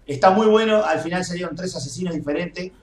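A young man with a Rioplatense Spanish accent commentating a game, excitable, swearing, and screaming when chased. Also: high voice, fast talker. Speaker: gameplay streamer. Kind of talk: gaming commentary. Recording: echoey room, faint noise.

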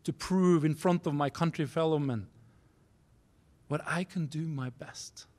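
A man's voice: on the high side, a little mellow. Earnest Norwegian man at a podium. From Norway. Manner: earnest, halting, non-native phrasing with restarts. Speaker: keynote speaker. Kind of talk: storytelling keynote speech. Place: university auditorium stage. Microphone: podium microphone.

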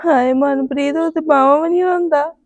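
A woman's voice: sits high, steady tone, fairly quick, crowd noise, close to an everyday voice. A woman playing a sister-in-law who laments the family's misfortune through tears in an amateur family drama. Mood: lamenting. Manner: lamenting, tearful.

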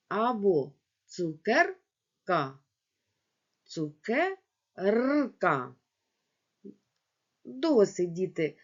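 A woman teaching young children in a video lesson, dictating words slowly syllable by syllable and speaking to the class directly. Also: medium pitch, a little mellow, breathy edge. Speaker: primary school teacher. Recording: dull lo-fi home recording.

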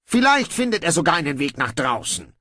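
A man voicing a weary, ruthless young king who talks in gruff, dry sarcasm. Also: a little high, sing-song, a little fast, pushed and bright, dry recording, pitched above the performer's own voice, heavily acted. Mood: sardonic.

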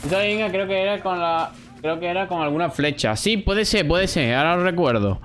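A young Spanish-accented man streaming a shooter game, chatting loosely with viewers and cursing as he goes. His voice sits a touch high, and gunfire and clicks come through faintly underneath. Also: expressive, a little fast, a bit bright, a little hiss or hum. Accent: Spanish (Spain). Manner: chatty, swears freely, talks to himself and chat. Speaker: gaming streamer. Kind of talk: casual live gameplay commentary.

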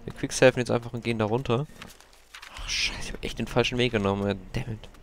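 A young man casually commenting while he plays a video game, chatty and prone to startled, high-pitched outbursts. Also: fairly even intonation, fast talker, a little hiss or hum. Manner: chatty, exclaims and jumps to high-pitched yelps when startled. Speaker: let's play gamer.

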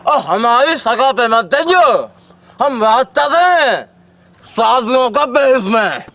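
A man's voice: very high voice, expressive, slow, fairly bright tone, a little hiss or hum. A man bragging in rhyming boasts in a comedy sketch, outdoors. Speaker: comic actor. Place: outdoors in a village.

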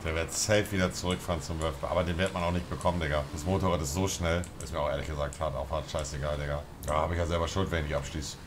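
A man's voice: a bass voice, fairly even intonation, fast, few pauses, noisy background. A man streaming a crime-game role-play, talking in swaggering street slang and swearing a lot.

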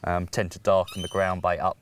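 Laid-back angler, low voice, outdoors. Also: male voice, completely flat delivery, a little fast. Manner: easygoing, practical, frequent ums and restarts. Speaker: angler guest. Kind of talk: relaxed outdoor tackle chat. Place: lakeside bank outdoors. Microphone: lapel mic. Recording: faint outdoor noise by a lake.

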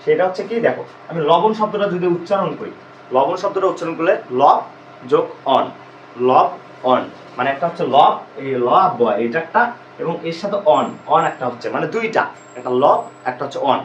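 A man teaches a grammar lesson, asking the students questions and then answering them himself. His voice sits a little high. The room is echoey, with a faint hiss behind him. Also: expressive, fast, lo-fi sound. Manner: explains step by step, repeating questions to students.

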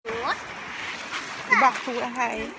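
A woman's voice: on the high side, lively intonation, drawn-out words, rough recording. A woman chatting playfully with friends at an outdoor beach. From Jamaica. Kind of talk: casual chat.

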